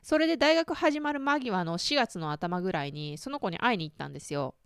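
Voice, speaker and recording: A woman's voice: mid-range voice, animated, brisk, clean tone, dry recording, clean studio sound. A woman in her thirties hosting a casual solo chat, talking to listeners with lots of fillers, asides and self-deprecating questions. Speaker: podcast host.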